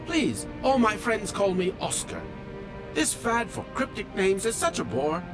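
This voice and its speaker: Over music, a male actor voices a fussy, polite automaton train engineer in video game dialogue, using formal, precise, pedantic diction. His voice sits high with big pitch swings and a slightly slow pace.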